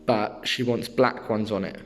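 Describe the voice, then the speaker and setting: A man's voice: fairly low pitch, unhurried. A young man talking casually to the camera in a car vlog, rambling with fillers and losing his voice. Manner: chatty, relaxed, rambling with fillers. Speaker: car detailing vlogger.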